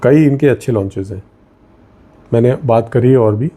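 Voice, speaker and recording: A man's voice: mid-range voice, moderate pace, warm tone. A young man with an Indian accent, casually reviewing perfumes and mixing Hindi with English as he thinks aloud while sniffing each one. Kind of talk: casual product review vlog.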